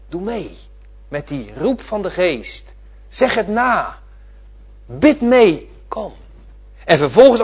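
A man preaching a sermon, repeating his phrases and swinging from loud declarations to quiet asides. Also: a little high, husky. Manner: emphatic, repeating phrases with swelling and dropping volume.

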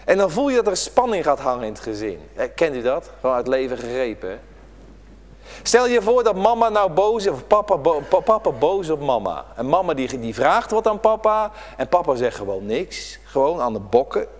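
A man delivers a sermon in a church with a long, ringing reverb. His fairly high voice moves through a wide, animated melody, climbing for emphasis and sinking to hushed, almost whispered phrases. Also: brisk. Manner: dramatic, swinging from raised emphasis to hushed near-whispers. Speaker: pastor.

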